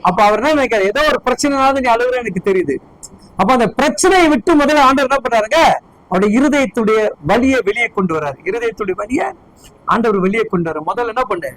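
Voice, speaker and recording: A man's voice: very high voice, fast talker, fairly bright tone, dry recording, poor audio. A man preaching a sermon as pastor, fervently firing repeated questions at his congregation.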